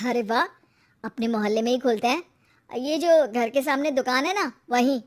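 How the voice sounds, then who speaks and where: A hot-headed young cartoon husband, voiced by a woman, with a high, light voice pitched well above most men. He talks loudly and snaps back in arguments, in a bright animated-story delivery. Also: normal speed, close to an everyday voice. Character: young married man, quick-tempered husband.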